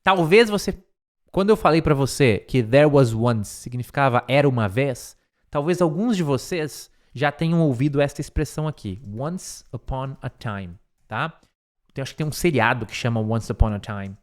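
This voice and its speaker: A man teaching an English lesson, with a lively, animated delivery that swings up and down in pitch. He works through each phrase slowly, repeating words out loud and drilling the sounds. Now and then he asks a rhetorical question and answers it himself. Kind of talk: recorded online lesson.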